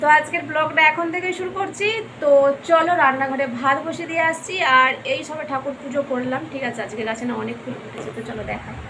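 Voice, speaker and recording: A woman's voice: sits high, fast talker, few pauses, bright, forceful tone, echoey room. A woman chatting through a casual cooking vlog in her home kitchen, often checking in with viewers. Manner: chatty, keeps asking "right?". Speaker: vlogger. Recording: noisy home recording.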